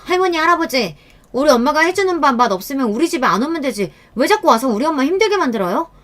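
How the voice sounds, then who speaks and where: A woman voicing a middle-school girl who shouts in defense of her mother, shrill and high. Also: very animated, fast talker. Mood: shouting, indignant.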